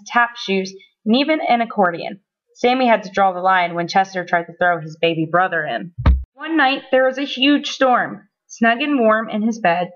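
A woman reading a children's story aloud with expressive, playful storytelling. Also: mid-range voice, muffled recording. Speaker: storybook reader.

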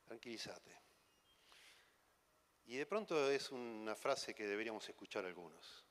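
A man with an Argentine accent delivers a conference sermon in a low voice. He talks in a conversational, teasing way, firing off rhetorical questions. His voice trails off into a long hall reverb. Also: expressive, fairly quick, a bit bright. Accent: Argentine Spanish. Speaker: preacher.

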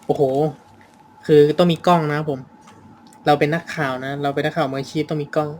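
A man hosting a horror game let's-play on a headset, talking casually with loud startled yelps and lots of swearing. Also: a little high, steady tone, quick pace, slight background noise. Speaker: gaming channel host.

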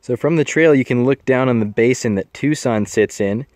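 Filming himself at arm's length while trekking through a desert canyon, a young man casually talks his viewers through the hike. He's a travel vlogger with a mid-range voice and moderate pace, relaxed and informal.

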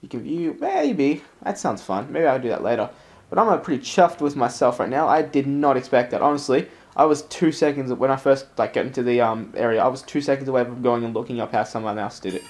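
A man's voice: mid-range voice, animated, fairly quick, a little mellow. Sweary man doing gameplay commentary. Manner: sweary, self-deprecating. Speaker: gaming host.

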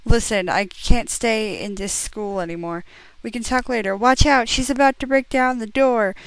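A woman's voice: fairly high pitch, moderate pace, clear, resonant tone, no room sound, close to an everyday voice, low-quality recording. A woman reading as a lovesick vampire boy. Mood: pleading. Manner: pleading, urgent.

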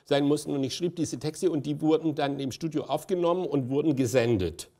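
A man's voice: on the high side, a little fast, mellow. A man in his sixties, an interview guest, telling long anecdotes with many hesitant fillers and chuckles. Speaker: interview guest, festival director. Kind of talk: anecdotal conversation on stage.

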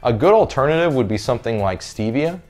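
A man's voice: mid-range voice, expressive, quick pace, darkish tone, faint music behind. A man in his thirties, a fitness coach, explaining a topic in a casual, conversational way and checking in with "all right?". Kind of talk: casual talking-head lesson. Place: carpeted room with window blinds, indoors.

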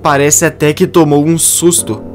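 A distraught mother, crying and pleading in a shrill, strained voice that climbs high above a man's normal range, as a male narrator puts her on. She sounds like a figure in a dramatized soap opera recap, read quickly. Faint music plays underneath. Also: little pitch movement, close to an everyday voice. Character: distraught middle-aged mother sobbing for lost son.

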